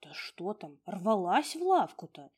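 A woman voicing a curious, puzzled young woman in a storybook reading, inquisitive and wondering, with a husky voice. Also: medium pitch, big pitch swings, measured pace, darkish tone.

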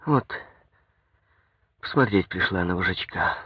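Bitter, weary village woman, voiced by a male narrator; quiet, husky. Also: low-pitched, lively intonation, a little slow, dry recording, studio quality, full character voice.

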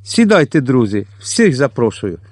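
A man's voice: medium pitch, very animated, normal speed, dry recording. A rowdy, hospitable deacon, put on by a male audiobook narrator bellows invitations in a raised, hearty voice. The sound is dry and close, with no room around it. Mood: boisterous. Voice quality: loud, hearty, coaxing. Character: boisterous hospitable man, a deacon hosting a feast.

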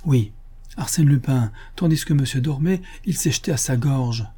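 A man voicing an excitable, well-to-do woman who has been robbed, speaking breathlessly and insistently in an audiobook. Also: medium pitch, moderate pace, husky, natural voice. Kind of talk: audiobook character voice.

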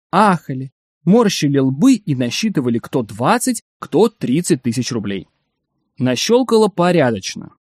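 Expressive male storyteller, dry close sound. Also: a little high, no room sound. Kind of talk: scripted story narration.

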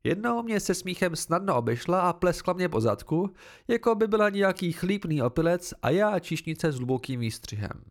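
Male amateur audiobook narrator, first-person storytelling, animated delivery with a slightly higher voice.

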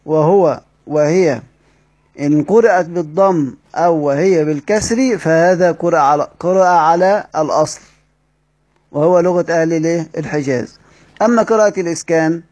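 A man's voice: on the high side, darkish tone. Egyptian man teaching, asking rhetorical questions. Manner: explains step by step, asks the class rhetorical questions and answers them. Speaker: Quran recitation teacher. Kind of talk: classroom lesson with read-aloud quotes.

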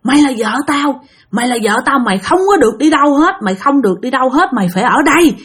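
A woman's voice: high-pitched, expressive, fast, a bit bright, slightly rough, heavily acted. A woman voicing a huge, headless male ghost who repeats possessive, insistent commands. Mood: menacing.

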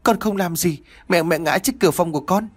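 A man's voice: high voice, brisk, no echo, pitched above the performer's own voice. A man voicing a terrified young boy who cries and pleads in a horror story. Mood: desperate. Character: frightened young boy, sobbing and desperate.

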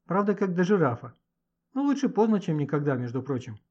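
Brief: man playing a cocky teenage boy, brash and mocking, raised and lively voice, lo-fi audiobook. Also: fairly high pitch, brisk, voice pushed up. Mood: scheming. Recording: dull lo-fi audiobook recording.

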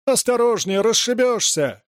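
A man voicing an overworked village mother who complains bitterly and shouts in panic at her children. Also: animated, measured pace, no room sound, studio quality. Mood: frantic shouting. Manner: shrill, self-pitying, shouting. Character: harried overworked village mother, shrill and frantic.

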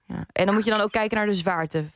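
Calm woman hosting a radio phone-in. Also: mid-range voice, quick pace, no room sound, studio quality. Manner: calm, summarising callers' points. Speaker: radio host. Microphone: studio microphone.

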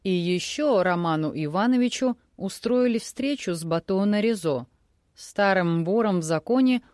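A woman narrating an audiobook novel in a measured, expressive reading. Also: mid-range voice, no room sound, clean studio sound. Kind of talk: scripted narration.

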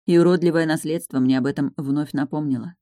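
A woman narrating a first-person audiobook in an even storytelling manner. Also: deep voice, a little fast, no echo, clean studio sound.

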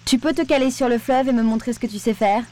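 A self-assured male flight instructor, speaking firmly but fondly, as a woman reading the story voices him. His lines are set a little higher and louder than the narration, with no deep male voice. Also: fast talker, lightly acted. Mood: firm, reassuring. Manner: calm, firm, affectionate instructions. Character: confident male helicopter instructor. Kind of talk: audiobook character voice.

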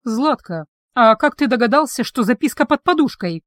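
A woman voicing a sharp-tongued, contrary female gargoyle who speaks briskly and emphatically. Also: on the high side, animated, slight background noise.

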